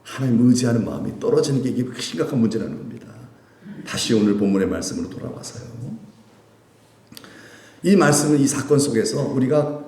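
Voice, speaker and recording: A man's voice: medium pitch, expressive, a little fast, dark tone. A male pastor preaching a sermon, asking the congregation questions and acting out the people he quotes. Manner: call-and-response preaching, acting out quoted voices. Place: church sanctuary. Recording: echoey church room.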